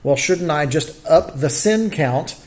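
A man co-leading a youth Bible study, easygoing with wry, deadpan jokes. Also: a little high, takes it slowly, a crowd in the background. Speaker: youth minister and co-host. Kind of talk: casual chat and Bible study.

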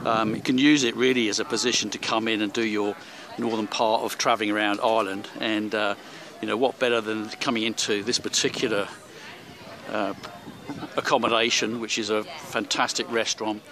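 A travel vlogger with a fairly low voice narrates a handheld walking tour of a seaside hotel, talking a little fast with little pitch movement. He rambles, full of fillers and restarts, moving through hotel rooms and along a seaside street with a crowd audible behind him. The audio comes from a handheld camera.

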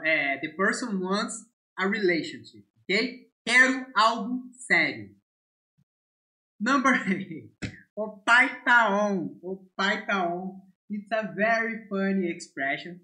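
Slow, bright-voiced Brazilian language teacher. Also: male voice, high voice, echoey room, poor audio. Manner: slow and deliberate, checks in with frequent "okay?". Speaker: Portuguese teacher. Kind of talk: online language lesson.

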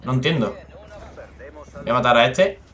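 A young man from Spain with a Spanish accent, excitably commentating a live shooter game, swearing and chatting with his viewers. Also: mid-range voice, moderate pace. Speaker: gaming streamer.

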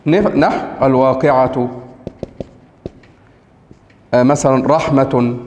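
Egyptian man, Quran recitation teacher, a bit high-pitched, patient step-by-step explainer, echoey hall sound. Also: darkish tone. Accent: Egyptian Arabic. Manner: explanatory, checks understanding with short questions; slows down to pronounce examples. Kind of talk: lecture on tajwid rules. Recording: echoey room with long reverb.

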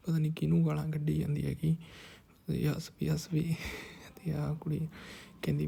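A man's voice: fairly high pitch, creaky, warm tone, breathy edge. A man narrating a behind-the-scenes shoot in casual, rambling chat, often dropping to whispered asides. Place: village house on a film shoot.

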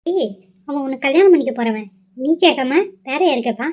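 A woman voicing a bossy, scheming middle-aged mother who talks low and nags insistently, in a cartoon. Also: animated, brisk, a little mellow. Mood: nagging, scheming. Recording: slightly dull lo-fi audio.

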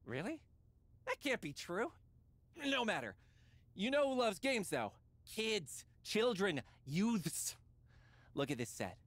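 A bubbly showbiz agent. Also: female voice, mid-range voice, sing-song, takes it slowly, long pauses, dry recording. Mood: upbeat. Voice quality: bubbly, salesy. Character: fast-talking showbiz agent Alfie, upbeat. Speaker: game character.

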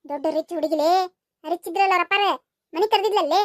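Voice actor as a teasing village boy friend, North Karnataka accent, very high and rapid talk, for a cartoon. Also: dry recording, clean studio sound. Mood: excited. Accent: North Karnataka Kannada. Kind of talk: cartoon voice acting.

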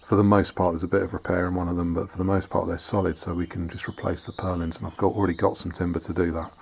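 His tone creaky and sitting low, a farmhouse-restoration vlogger ambles around outdoors and through a barn, camera in hand, chatting easily and often restarting or hesitating with fillers. A light hiss or hum runs underneath.

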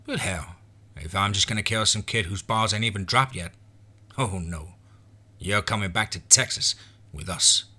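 A man's voice: fairly low pitch, moderate pace, bright, forceful tone, husky, heavily acted. A man voicing a menacing, sardonic cowboy gunslinger who growls threats in a western horror story. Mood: sardonic menace.

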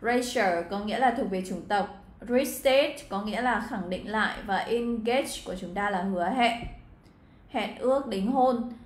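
This English teacher from Vietnam has a medium-pitched voice and speaks a little slowly in a reverberant space. Chatty and full of fillers, she guides her students through an exam and addresses them directly.

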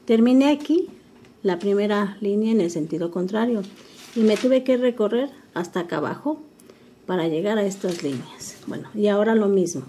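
An older woman talks through a craft tutorial. Her voice is soft and warm, never sharp. She narrates each stitch calmly and patiently, with a faint hum of the room behind her. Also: mid-range voice, moderate pace. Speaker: embroidery teacher.

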